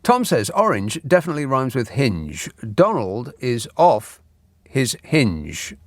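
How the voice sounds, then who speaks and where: On a late-night radio phone-in, a male host reads out listeners' texts in a dry, deadpan manner, his sarcastic asides landing close on a bone-dry studio mic. His mid-range voice moves slowly, with no echo.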